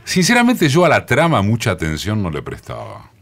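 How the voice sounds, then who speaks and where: A man in his sixties with a Rioplatense accent and a booming, forceful deep voice, telling his story in a radio studio interview with many pauses. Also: huge pitch swings, gravelly. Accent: Rioplatense Spanish. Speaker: radio journalist guest. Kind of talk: reminiscing interview talk.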